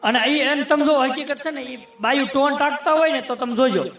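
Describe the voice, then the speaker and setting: A man, his voice pitched very high, works a live folk comedy crowd with teasing, chatty asides. He slips into rhythmic recitations of rhyming sayings. The stage mic carries a roomy echo. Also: brisk, fairly bright tone, lo-fi sound, soft background music. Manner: chatty, teasing, addresses audience as sir. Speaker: folk humorist.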